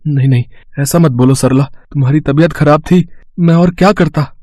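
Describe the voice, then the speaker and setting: A man's voice: a little high, moderate pace, a little mellow, dry recording, close to an everyday voice. A man voicing a poor, humble father who sells chickpeas, in a meek, pleading and sorrowful manner, in a cartoon story.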